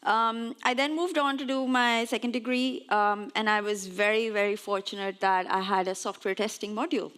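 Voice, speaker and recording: A woman's voice: medium pitch, steady tone, normal speed, few pauses, a bit bright, smooth. A woman in her forties, originally from Pakistan, giving a conference talk on stage in a chatty, lightly self-mocking way. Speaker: conference speaker. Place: on stage before an audience.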